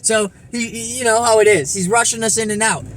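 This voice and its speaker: Blunt high-voiced young man vlogging. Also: a little fast, slight background noise, low-quality recording. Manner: blunt, animated, swears freely. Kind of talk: casual vlog chat.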